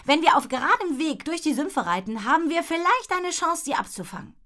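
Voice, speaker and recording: A woman's voice: sits high, big pitch swings, a little fast, a bit bright, voice pushed up. A woman voicing a fearless young girl rider who talks with bold confidence.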